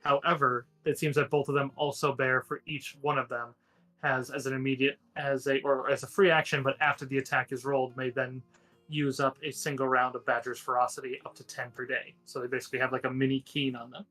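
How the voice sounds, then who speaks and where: A man's voice: medium pitch, level tone, fairly quick, sharp tone, faint music behind. A man narrating a tabletop game as game master, explaining things at length and correcting himself as he goes. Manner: rambling, self-correcting explanations.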